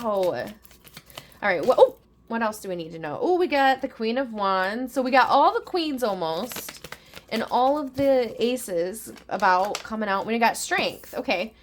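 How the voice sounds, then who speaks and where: A woman's voice: a little high, a little hiss or hum. A woman giving a chatty, effusive tarot reading to her viewers, upbeat and enthusiastic though she says she is tired. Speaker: tarot reader.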